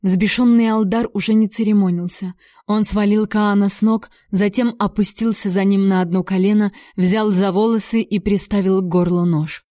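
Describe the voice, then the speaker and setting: A woman reads a novel in the first person with even, expressive storytelling. Her voice is dark and mellow. The recording is dry and close, with no room around it. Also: medium pitch, moderate pace, no room sound. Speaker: audiobook narrator.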